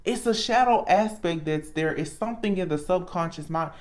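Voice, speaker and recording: A tarot reader talking casually and reflectively, earnest and emphatic, often halting and repeating words. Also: mid-range voice, darkish tone. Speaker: tarot reader, channel host.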